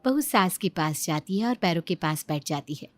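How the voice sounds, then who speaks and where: A woman narrating a cartoon story in an expressive, storytelling way. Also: lowish voice, moderate pace, faint music behind. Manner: expressive, animated.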